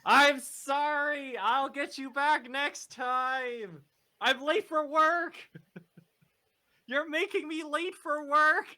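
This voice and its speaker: A man voicing a flustered young man who shouts apologies while running late for work. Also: very high-pitched, drawn-out words, pitched above the performer's own voice, heavily acted. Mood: frantic.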